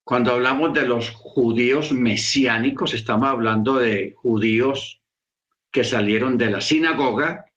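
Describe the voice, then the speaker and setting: A man teaching a congregation in a sermon, explaining slowly and repeating key words for emphasis. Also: medium pitch, a bit bright, reverberant, muffled recording. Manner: slow, repetitive, emphatic explaining.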